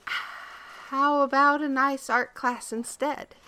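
A woman's voice: high voice, steady tone, takes it slowly, sharp tone, slight background noise, exaggerated voice, low-quality recording. A woman playing a cheerful, unflappable school receptionist who talks in a chirpy, friendly way.

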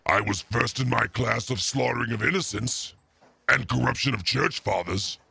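A man voicing a boastful demon who has possessed a young girl, making grandiose, menacing proclamations in a raspy voice. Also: medium pitch, normal speed, bright, forceful tone, a little hiss or hum, full character voice. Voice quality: gravelly and raspy.

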